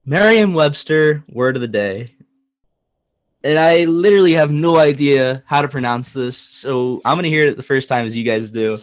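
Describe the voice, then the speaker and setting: A man's voice: medium pitch, normal speed, dry recording. Young male sports podcast co-host, mid-range voice, playful and emphatic, dry close sound. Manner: animated, joking, emphatic repetition. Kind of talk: casual sports podcast chat.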